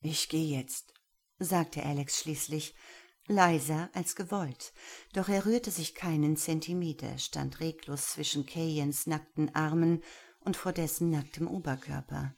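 Low, husky woman reading a story. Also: fairly even intonation, measured pace, darkish tone. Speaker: narrator.

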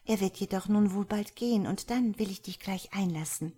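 A woman voicing a scornful noble lady who teases a freezing suitor with mock sweetness, in a breathy voice, for a storybook reading. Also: mid-range voice, moderate pace, dark tone, pitched above the performer's own voice, close to an everyday voice. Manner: teasing, sly, mock sweetness.

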